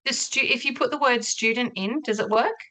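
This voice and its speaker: A woman's voice: a little high, fairly quick, pushed and bright. An Australian woman lecturer running an online orientation session in a chatty, informal way over a video call. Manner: chatty, friendly, loose and informal.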